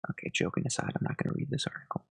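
A soft-spoken ASMR host in close-mic whispers, reading satirical headlines and adding dry deadpan asides. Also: very fast, poor audio. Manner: reads headlines, then adds wry deadpan asides.

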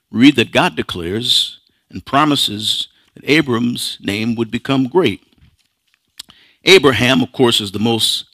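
A man preaching a sermon as pastor, reading scripture plainly and then building into a chanting cadence punctuated by breathy "huh"s. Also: mid-range voice, fairly bright tone, no room sound, poor audio. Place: church sanctuary.

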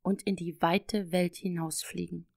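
A woman voicing a gentle, tender father in a storybook, speaking warmly and teasingly. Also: lowish voice, level tone, a little slow, vocal fry, no echo, studio quality, voice pushed down.

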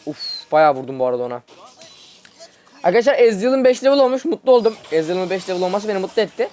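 A young man, a student, giving excited live commentary over his own mobile gameplay, chatty and teasing his teammates. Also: high voice, quick pace, slight background noise. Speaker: gaming video host.

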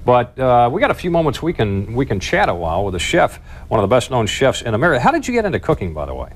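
Upbeat male news host, quick and lively, interviewing a guest in a studio. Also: medium pitch. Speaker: TV news anchor. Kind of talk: broadcast interview. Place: TV cooking studio set.

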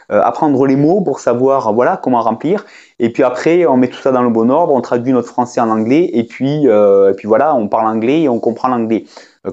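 A man's voice: mid-range voice, a little mellow, dull audio. A French-speaking man giving a casual spoken lesson to camera, hesitant, with many fillers and restarts. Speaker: English teacher.

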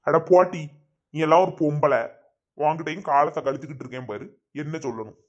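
A man's voice: fairly high pitch, brisk, muffled recording, lightly acted. Man playing a grumbling lazy husband.

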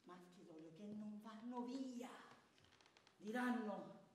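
An amateur stage actor playing Ciampa, a bitter, proud, wronged middle-aged clerk, swinging from hushed to shouting, recorded from afar on an echoey stage. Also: male voice, high voice, slow, far from the mic, a little hiss or hum. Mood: bitter, pleading. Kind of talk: stage theatre performance. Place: theatre stage. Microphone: distant room mic.

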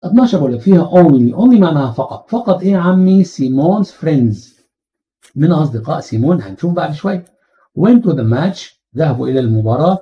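A man with an Egyptian Arabic accent teaches an exam-prep English grammar lesson, asking rhetorical questions and slowing down to stress English phrases. His voice is on the high side with big pitch swings, and the recording sounds muffled.

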